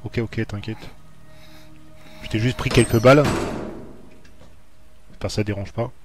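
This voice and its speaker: A man's voice: lowish voice, steady tone, unhurried, over music. A young man giving casual gameplay commentary, informal, repeating himself and searching for words. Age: young adult. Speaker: let's play YouTuber.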